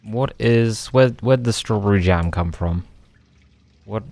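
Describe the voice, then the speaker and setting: A man cracking sarcastic jokes as he plays a horror game. His voice sits fairly low, with a casual, joking delivery. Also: takes it slowly, vocal fry, a little mellow. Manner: sarcastic, jokey. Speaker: gaming commentator. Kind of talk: casual gameplay commentary.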